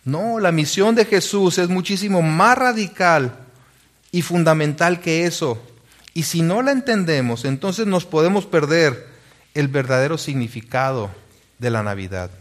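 Male pastor, slightly high voice, sermon delivery, questions to the congregation. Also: animated, a little slow. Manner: preaching with rhetorical questions to the congregation; reads scripture aloud.

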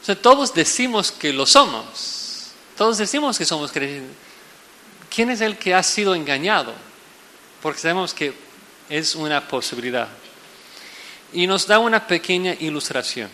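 A male preacher delivers a sermon in a high, bright voice that carries a long reverb from a large hall. He preaches emphatically, leaning hard on key words and then dropping to quiet, low-pitched lines. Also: animated, moderate pace, slight background noise. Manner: emphatic preaching, swinging from loud stresses to hushed low lines. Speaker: pastor.

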